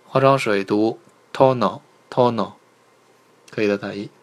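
Man, language teacher, livestream lesson, lowish voice, patient, repeats sounds slowly. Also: fairly even intonation. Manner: patient, repeats syllables slowly, asks viewers to type in chat.

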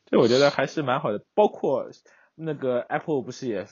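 A man hosting a casual tech talk podcast, chatty and quick to agree. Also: medium pitch, a little mellow, slightly rough, dry recording. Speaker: podcast host. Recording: dry, dull lo-fi sound.

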